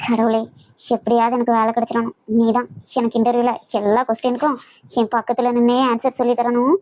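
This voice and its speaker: A woman with a Nagercoil Tamil accent voicing a feisty young woman in a cartoon, loud and quick-tongued. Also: fairly high pitch, level tone, close to an everyday voice, low-quality recording. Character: feisty young woman job-seeker, brash and fearless. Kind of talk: cartoon voice acting.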